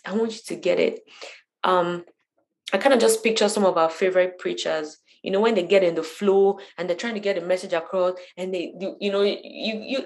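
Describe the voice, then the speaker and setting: A woman teaches a bible study in an easy, talky manner. Her voice carries a gravelly texture, and she stresses points by saying them again. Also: mid-range voice, low-quality recording. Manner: conversational, emphatic, repeats phrases for emphasis.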